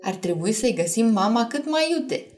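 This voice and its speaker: A woman's voice: fairly high pitch, sing-song, darkish tone, soft background music. A woman reading a storybook aloud and voicing Ariel, an emotive, caring young mermaid princess. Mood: tender.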